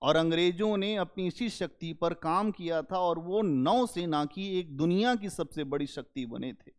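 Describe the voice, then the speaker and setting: A man gives a history lecture to students preparing for exams, speaking with emphasis and deliberation. He often poses rhetorical questions to the class, and his voice runs on the high side.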